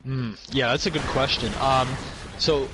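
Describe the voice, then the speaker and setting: A man's voice: mid-range voice, steady tone, background noise. Rambling young man over game gunfire. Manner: rambling, halting, swears often. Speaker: podcast guest. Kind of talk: casual chat while gaming. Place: home, at his girlfriend's parents' place. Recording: loud game gunfire behind voice. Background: video game gunfire and explosions.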